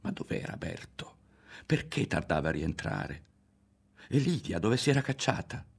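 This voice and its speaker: Man, audiobook narrator, literary reading, measured and expressive, very deep, gravelly. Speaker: audiobook reader.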